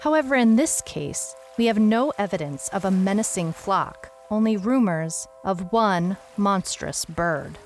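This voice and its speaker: An actress with a mid-range voice and lively intonation narrates at a measured pace with few pauses, faint music behind her. As the wry, skeptical detective leading an audio mystery serial, she muses dryly in first person, uneasy and puzzled.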